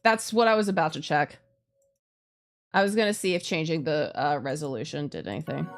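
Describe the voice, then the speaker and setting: A woman with a low voice and a brisk pace streams a visual novel, giving casual, exclamatory live commentary and often repeating her phrases. Game music plays in the background.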